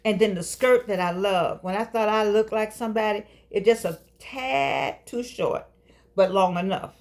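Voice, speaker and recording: In a home studio with a keyboard, an older host gives a casual talk show monologue in a mid-range, darkish voice at a moderate pace. She coaxes and preaches playfully, lengthening phrases for effect.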